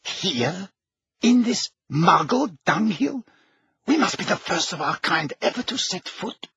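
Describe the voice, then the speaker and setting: Bellatrix, a man voicing a shrill, scornful witch. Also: big pitch swings, unhurried, sharp tone, husky, dry recording, lo-fi sound, heavily acted. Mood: contemptuous. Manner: shrill, contemptuous, urgent. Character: fierce scornful adult witch sister. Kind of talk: audiobook character reading.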